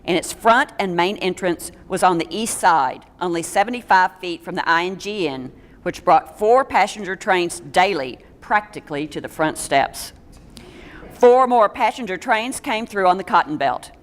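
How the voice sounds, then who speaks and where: A woman's voice: on the low side, animated, normal speed, big-room sound. A woman giving a local history talk to an audience in a meeting room, reading steadily from notes with small stumbles and dry asides.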